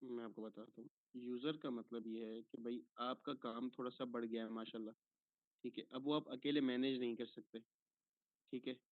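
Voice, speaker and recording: A man's voice: mid-range voice, fairly even intonation, moderate pace, dry recording. A man teaching an online course over a call, patiently answering a student's questions step by step and checking in after each point, heard through a tinny phone-like line.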